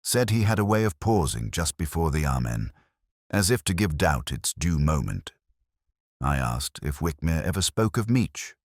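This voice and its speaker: Inspector Morse, very deep brooding detective played by a man. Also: very animated, no echo, studio quality, exaggerated voice. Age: middle-aged. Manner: measured, literary, brooding. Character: greying, sharp-witted, rumpled, melancholy English police inspector. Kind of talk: scripted first-person detective audio drama narration.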